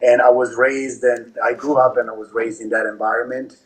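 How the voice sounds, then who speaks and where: A man from Italy, a guest in an interview, speaking in a measured, reflective way with many fillers and restarts. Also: medium pitch, little pitch movement, fairly bright tone, husky, rough recording. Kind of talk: interview conversation.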